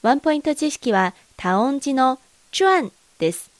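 A woman teaching a language lesson, reading dialogue lines with careful, deliberate enunciation. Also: sits high, animated, dry recording.

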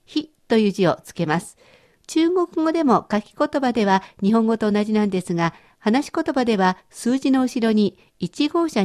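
Lively-voiced Japanese woman teaching a lesson. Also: on the high side. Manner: clear, patient explaining. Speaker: language teacher. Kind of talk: radio language lesson.

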